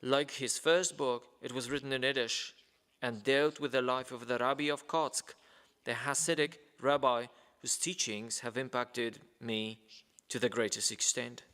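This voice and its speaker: A man's mid-range voice, fairly even in intonation, fairly bright and smooth, reads a ceremonial letter a little slowly. He sounds formal but hesitant, using many fillers and stumbling over names, while the large hall adds long reverb.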